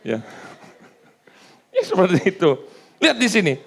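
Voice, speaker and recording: High-pitched, gravelly-voiced male pastor. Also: huge pitch swings, a little slow, a bit bright. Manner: casual, joking, conversational preaching. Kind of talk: sermon. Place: church service.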